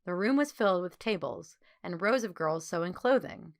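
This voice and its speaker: A woman narrates a children's story as an audiobook reader, phrasing clearly and delivering expressively. Her voice sits on the low side, and she speaks at a moderate pace.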